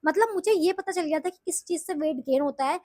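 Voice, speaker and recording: A woman's voice: sits high, a little fast, darkish tone, no room sound, studio quality. A young woman from the hills of northern India telling her story to viewers in a chatty, confessional way. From Uttarakhand hills, India. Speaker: vlogger. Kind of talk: casual storytelling to camera.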